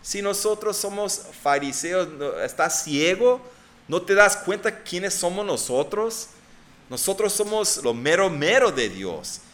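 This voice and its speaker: A man's voice: high-pitched, very animated, unhurried, fairly bright tone, voice pushed up, full character voice. A man voicing arrogant, dismissive Pharisees mid-sermon. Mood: scornful. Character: arrogant scornful male Pharisees, proud and dismissive.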